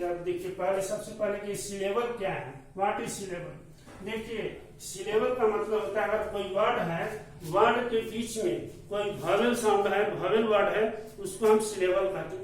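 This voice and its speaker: Male teacher, slow and repetitive, high voice; recorded from a distance in a very echoey room. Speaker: school teacher. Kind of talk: classroom grammar lesson. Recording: echoey room, mic far off, faint noise.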